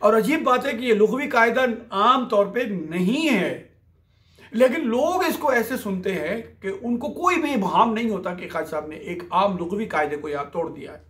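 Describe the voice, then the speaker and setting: A man's voice: high voice, expressive, moderate pace, fairly bright tone. A man explaining a classical Sufi poem line by line, reciting each verse and then glossing its words. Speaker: poetry commentator.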